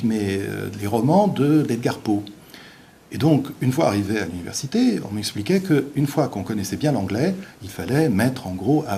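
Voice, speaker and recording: A middle-aged man, a visiting professor, giving an academic lecture in a halting, hesitant way with dry, wry asides. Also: lowish voice, gravelly, dark tone, a little hiss or hum. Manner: hesitant, halting delivery with many pauses.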